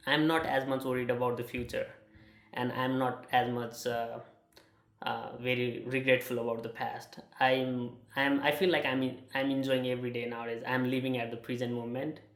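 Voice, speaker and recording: Nepali-accented young man, gravelly and flat. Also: mid-range voice, echoey room. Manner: halting, many fillers and restarts. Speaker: student sharing his experience. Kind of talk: personal testimonial.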